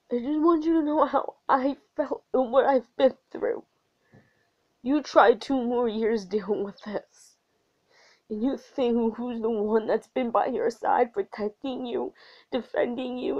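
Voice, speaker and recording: Young woman with a high, earnest voice. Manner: earnest, halting, emotional. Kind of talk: emotional direct-address video message. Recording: dull lo-fi recording.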